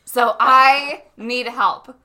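A woman's voice: fairly high pitch, fairly even intonation, extremely slow, sharp tone. A young adult woman co-hosting a podcast, chatting casually and emphatically, laughing often. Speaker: podcast co-host. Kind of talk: casual chat.

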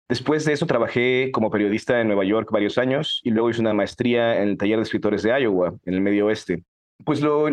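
A Mexican man in his thirties, speaking with a Mexican accent, is a guest in a reflective, conversational interview, talking candidly and animatedly and often closing his points with a questioning tag. His voice is lowish and darkish, and the recording is dry.

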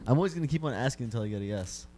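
A man's voice: mid-range voice, animated, rapid-fire, mellow, slight background noise. A young man co-hosting a podcast, joking and laughing in casual chat with his friends. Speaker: podcast co-host.

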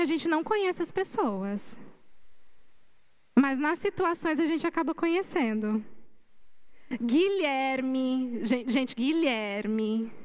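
A young Brazilian woman shares a personal testimony from the front of a church. Her voice sits high, and she tells the story with lively energy, turning often to speak directly to the young people listening. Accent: Brazilian Portuguese. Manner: animated storytelling, talks straight to the audience. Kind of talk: testimony sermon to a youth group.

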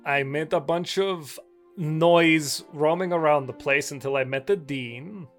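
A woman's voice: low voice, measured pace, faint music behind. A woman playing a tabletop game, chatting casually in character in an effusive, jokey way. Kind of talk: casual in-character improvised chat.

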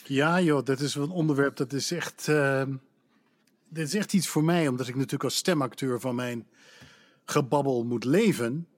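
A man's voice: mid-range voice, normal speed. A Dutch man who works as a voice actor, chatting casually on a podcast and telling stories with self-deprecating humor. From Netherlands. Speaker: voice actor guest.

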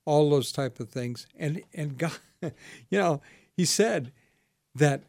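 A man's voice: on the high side, lively intonation, slow pace, a little mellow, dry recording, studio quality. A man hosting a ministry talk show as pastor, asking questions, telling stories and laughing often. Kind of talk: casual ministry interview.

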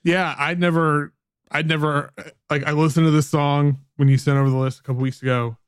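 Relaxed male podcast host, dry sound. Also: fairly high pitch, fairly quick, clear, resonant tone, no room sound. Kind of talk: casual podcast conversation.

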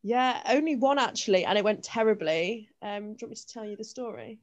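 A woman's voice: a little high, brisk, no echo, muffled recording. Chatty young woman podcaster. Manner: chatty storytelling, many fillers and restarts. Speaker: podcast co-host. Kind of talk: casual chat.

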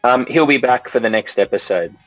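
A man's voice: medium pitch, fairly quick, no echo, highs cut off, soft background music. A middle-aged man hosting a casual podcast chat in an informal way. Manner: informal, says mate. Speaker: podcast host.

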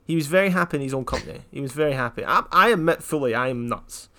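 A young man from Scotland in casual podcast chat, telling jokes in a flat deadpan way and wandering off on tangents. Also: medium pitch, quick pace. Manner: deadpan, rambling joke-telling. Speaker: podcast co-host.

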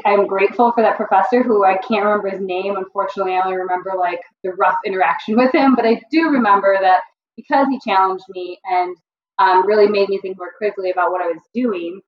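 A woman's voice: medium pitch, roomy sound, far from the mic, muffled recording. A woman who works as a school counselor, from the Chicago area, telling her story candidly in an interview with many ums and restarts. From Chicago area, USA. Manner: candid, frequent ums and self-corrections.

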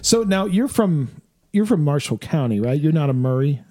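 Mellow-voiced man hosting a podcast. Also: fairly high pitch, sing-song, normal speed. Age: 40s. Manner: joking, rambling questions with fillers. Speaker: podcast host. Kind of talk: casual interview chat. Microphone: studio mic.

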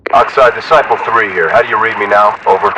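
A man's voice: on the low side, fast talker. A man playing a male soldier reporting in with radio callsigns, heard over a military radio. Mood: steady. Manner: steady radio procedure with callsigns and hesitant fillers. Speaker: field unit radio operator. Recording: distant noisy radio transmission.

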